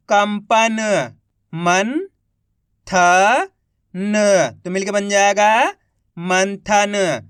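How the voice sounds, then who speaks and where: A man's voice: high voice, fairly bright tone, smooth, dry recording, studio quality. A man teaching Hindi reading who sounds out words syllable by syllable and encourages his viewers. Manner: encouraging, addresses viewers as friends. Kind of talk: online reading lesson.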